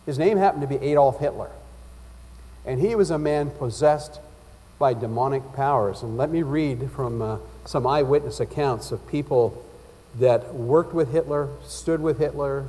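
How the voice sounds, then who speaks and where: A male preacher delivering a sermon in a large hall, his warm, mellow voice carrying a long reverb tail. He teaches earnestly, building intensity when he reads passages aloud. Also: medium pitch, normal speed.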